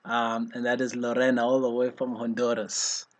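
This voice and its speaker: A man's voice: mid-range voice, monotone, moderate pace. Male chat-show host from South Africa, casual video-call chat, rambling delivery full of fillers. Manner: rambling, many fillers and restarts.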